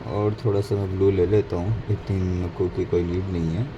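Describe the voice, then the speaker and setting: A man's voice: deep voice, level tone, normal speed, highs cut off. A man narrating a casual painting tutorial, mixing Hindi and English and correcting his own slips as he goes. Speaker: painting instructor. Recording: faint background noise.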